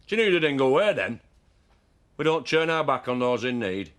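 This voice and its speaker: A man's voice: sing-song, normal speed, a bit bright. An actor playing a menacing, possessive man in a television soap drama, threatening and contemptuous. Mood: hostile. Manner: threatening, contemptuous, growling low at times. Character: menacing, possessive man defending his farmhouse.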